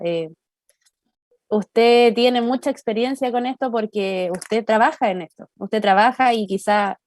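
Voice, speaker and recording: A woman's voice: mid-range voice, darkish tone, dry recording. Thoughtful Chilean woman, dry close sound. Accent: Chilean Spanish. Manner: thoughtful, respectful, many hesitations. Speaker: co-host. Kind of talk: church talk show chat.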